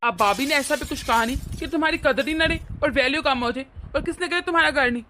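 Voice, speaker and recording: A woman voicing a mild-mannered husband in an animated cartoon, speaking in a placating, reasonable way. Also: high voice, fast, a little hiss or hum. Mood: explaining.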